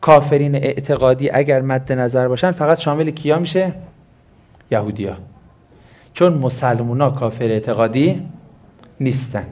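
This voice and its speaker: A man's voice: medium pitch, pauses often, a little mellow. A man giving a lesson explaining a Quranic verse, posing questions and answering them himself. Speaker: Quran teacher.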